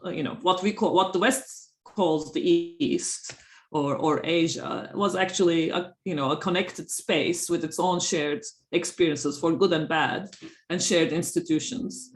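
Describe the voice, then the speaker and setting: A woman's voice: on the low side, measured pace. A woman from Turkey, a professor and author, giving interview answers in a hesitant way with many fillers and small laughs. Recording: roomy echo.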